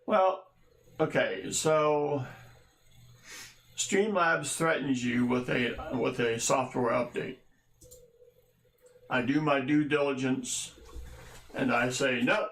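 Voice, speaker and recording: A man's voice: mid-range voice, slow pace, pauses often, a bit bright, reverberant, slight background noise. A man hosting a casual livestream, greeting viewers by name with wry, rambling jokes and asides. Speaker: livestream host.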